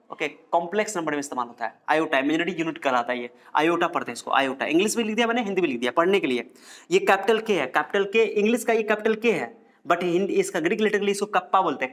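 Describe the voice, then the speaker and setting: A man's voice: a little high, fairly bright tone. A male teacher from India giving a chatty classroom lecture, repeating terms and joking as he writes on the board.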